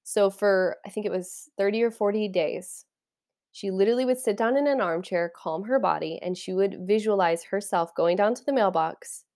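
A woman coach talks casually on her podcast, her enthusiasm showing as she wanders from one thought to the next. Her voice sits at an average pitch, and her delivery is warm-hearted but loose, like a chat with a friend. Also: normal speed. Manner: enthusiastic, meandering, conversational. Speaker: podcast host and life coach. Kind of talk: casual spiritual talk.

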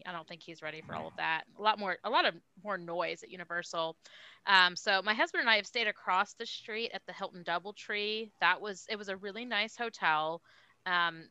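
A young adult woman hosting a casual podcast chat, talking in a relaxed way with many ums. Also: lowish voice, moderate pace, clear, resonant tone, no echo. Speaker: podcast host.

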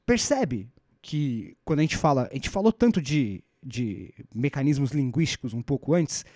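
Speaking at a moderate pace in an expressive, medium-pitched voice with a darkish tone, a podcast host with a Brazilian Portuguese accent explores history conversationally and thoughtfully. He often restarts his phrasing and slips in rhetorical asides, and the studio sound is clean with no echo.

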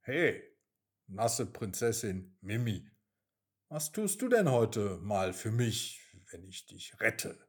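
A man voicing a sly, cunning rat in a children's story, talking low and mockingly. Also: sing-song, slow, slightly rough, exaggerated voice. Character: sly, independent rat, nobody's servant.

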